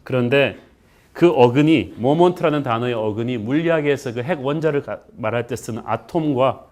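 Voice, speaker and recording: Pastor preaching a lively sermon. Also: male voice, normal speed. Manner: earnest preaching that mixes in English phrases; voice climbs and gets louder at the story's high points.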